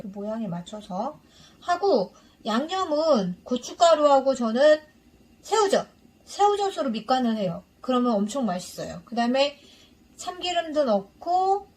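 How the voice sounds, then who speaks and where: A woman's voice: high-pitched, a little mellow, breathy edge. A woman casually talking through her home cooking as she works, with an easygoing, explaining manner. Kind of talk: casual cooking narration while cooking. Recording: noisy kitchen with chopping and clicks.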